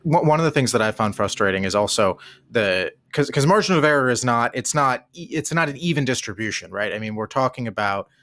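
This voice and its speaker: A man's voice: mid-range voice, expressive, brisk, a bit bright. A man hosting a political podcast, talking conversationally, thinking aloud and repeating words as he asks questions. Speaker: podcast host.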